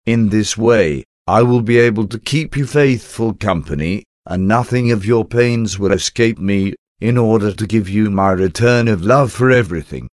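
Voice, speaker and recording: A man slowly reading a devotional prayer aloud in a reverent, measured way. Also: lowish voice, no echo, clean studio sound. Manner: slow, reverent, measured recitation.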